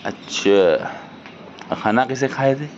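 A man's voice: medium pitch, measured pace. A man, chatting with a small child in a home video and coaxing them with simple repeated questions. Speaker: family member talking with a toddler. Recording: muffled home video with background noise.

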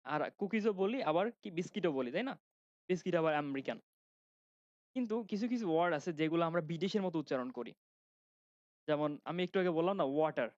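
A man's voice: on the high side, expressive, fairly quick, long pauses, no room sound. Young male teacher, Khulna Bangla accent, chatty classroom lecture style, dry and slightly dull recording. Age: young adult. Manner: chatty, asks students questions, restarts sentences. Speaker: grammar instructor.

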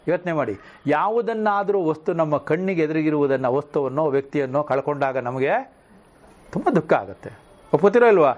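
Male scripture teacher, lively questioning delivery, fairly high voice. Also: dull audio. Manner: animated, often asks the listeners questions. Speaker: spiritual teacher. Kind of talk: discourse on scripture.

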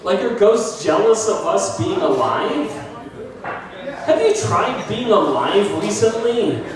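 This is a slow, high-sitting male voice: an American in his thirties doing a self-deprecating, animated stand-up set with a handheld mic, putting on voices for bits. The venue is a small indoor bar with brick walls. A phone in the audience records from a distance, so the room echoes, a crowd can be heard, and audience laughter rises.

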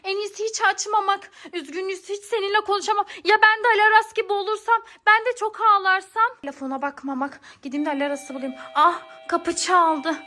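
A woman with a very high, bright, ringing voice plays a frazzled mother in a family comedy skit. She fusses and pleads, repeating herself in an exasperated way. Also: fairly even intonation, a little fast, few pauses, soft background music. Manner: exasperated, fussing, keeps repeating pleas.

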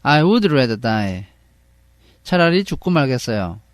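A man reading the part of a stubborn young boy in a storybook, slowly and emphatically, then translating each line into Korean. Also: mid-range voice, sing-song, no echo. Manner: slow, emphatic read-aloud.

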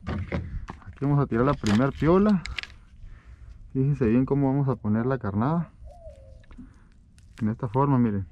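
A man, talking through a fishing trip from a boat outdoors and getting animated when a fish bites. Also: mid-range voice, unhurried, long pauses, highs cut off. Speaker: fishing vlogger. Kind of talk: excited fishing commentary.

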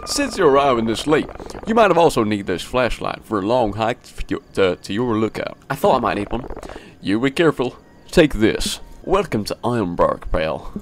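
A man voicing a folksy, blunt middle-aged park ranger in a slow, drawling put-on accent for a horror game. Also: medium pitch, very animated, fairly bright tone, a little hiss or hum. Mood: friendly.

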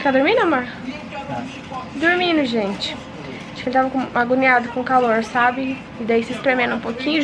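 A young Brazilian woman with a high voice narrates her family day to her viewers. She talks in a chatty, unhurried way into a handheld camera at home. Steady household noise stays audible behind her. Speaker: vlogger. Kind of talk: casual family vlog narration. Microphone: handheld vlog camera.

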